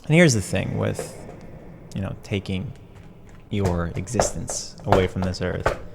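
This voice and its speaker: Gravelly man with cave-like echo. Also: low voice, a little slow. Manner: hesitant and somber, many fillers. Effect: echoey cave-like reverb. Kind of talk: personal vlog monologue. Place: dark enclosed room. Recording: reverberant room with faint background noise.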